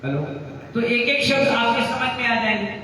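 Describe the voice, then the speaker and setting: A man, a Jain monk, leading a slow pronunciation lesson and having his audience repeat each word after him. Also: very high voice, sharp tone, slight background noise. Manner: slow drilling, asks the audience to repeat words. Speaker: Jain monk teaching a class. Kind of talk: pronunciation lesson with call-and-response. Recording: echoey hall, far from mic, crowd.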